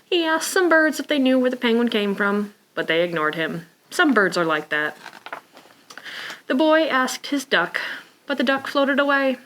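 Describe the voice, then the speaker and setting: A high-pitched woman reads picture books for preschool storytime at normal speed, working as a children's librarian presenter. Expressive and simple, she talks as if to small children, with sighs, gasps and exclamations. Slight background noise can be heard.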